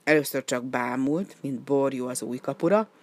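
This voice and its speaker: A woman reading a children's story aloud in an expressive, lively way. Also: rumbling low.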